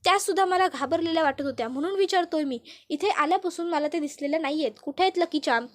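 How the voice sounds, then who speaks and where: A desperate young man pleads again and again for news of his family, as a woman reads his lines. The voice sits high and urgent. It is a plain storytelling voice, with no real attempt to sound male. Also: fast talker. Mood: frantic. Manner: urgent, repeated pleading questions.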